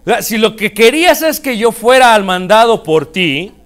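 Male preacher, high voice, playful storytelling sermon. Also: normal speed. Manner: animated, acts out couples' dialogue with humor.

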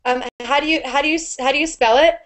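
Brief: young woman, online English teacher, bright-ish higher voice, clear and upbeat, earbud mic on a video call. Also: steady tone, fast, faint music behind. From United States. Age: young adult. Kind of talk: live online class. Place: small room indoors. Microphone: earbud headset on a video call.

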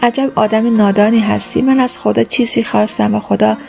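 A woman gives voice to a smug old trickster from a storybook tale, self-righteous and crafty, who makes a show of being frail. The voice is a touch high and has a gravelly edge, with faint music underneath. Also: fairly even intonation, a little mellow.

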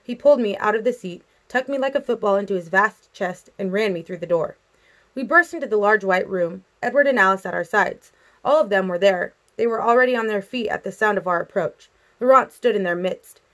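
A woman reading a novel aloud in a steady, even narration, her voice dropping for the speech tags. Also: medium pitch, brisk. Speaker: audiobook reader.

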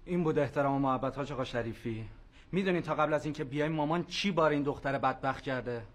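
A man's voice: medium pitch, natural voice. An actor playing an indignant young man defending his fiancée against his family, in a TV drama. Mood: reproachful. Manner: reproachful.

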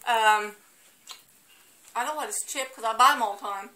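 A woman's voice: fairly high pitch, moderate pace, bright, forceful tone, poor audio. A woman in her seventies, a grandmother doing a taste test, talking while chewing and hesitating with many ums. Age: 70s. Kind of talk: casual chat.

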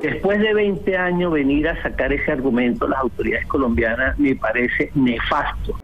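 A man's voice: mid-range voice, moderate pace, a little hiss or hum. Venezuelan-born man defending himself by phone, emphatic, narrow phone-line sound. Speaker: interviewee. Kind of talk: phone interview.

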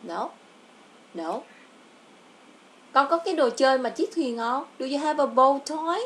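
A Vietnamese-accented woman tutors a child in English over a video call, drawing each word out slowly. Her voice sits fairly high, and she coaxes gently and repeats words again and again. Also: animated. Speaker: English teacher.

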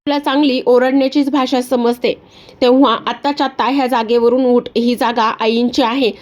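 Brief: woman voicing a stern, scolding young daughter-in-law, slightly high voice. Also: level tone, moderate pace, close to an everyday voice. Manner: scolding, sharp.

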